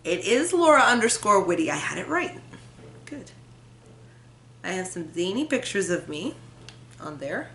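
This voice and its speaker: A woman's voice: mid-range voice, sing-song, a little slow, creaky, long pauses, fairly bright tone, slight background noise. A woman chatting casually to her camera at home, rambling, self-deprecating and laughing often. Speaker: vlogger. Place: room at home. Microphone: built-in camera mic. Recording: echoey room.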